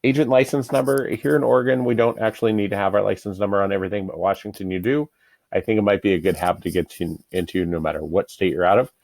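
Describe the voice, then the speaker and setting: Speaking fast with a creaky, darkish, steady voice on the low side, an American real estate broker talks viewers through a software tutorial step by step. The screen-share is casual and instructional, and the recording is dry.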